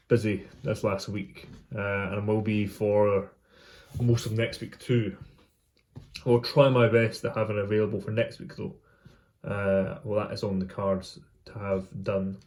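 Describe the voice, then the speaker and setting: A man with a fairly low voice hosts a casual vlog. He speaks off the cuff in halting phrases that often trail off before he picks up the next thought. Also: a little mellow. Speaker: host of a pipe smoking vlog. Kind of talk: casual unscripted vlog chat.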